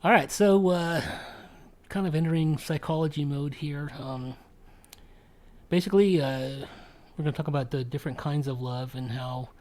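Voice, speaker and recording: A man's voice: on the high side, normal speed, a little mellow. Male podcast host, casual chat, hesitant delivery with frequent fillers. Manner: hesitant, full of ums and restarts.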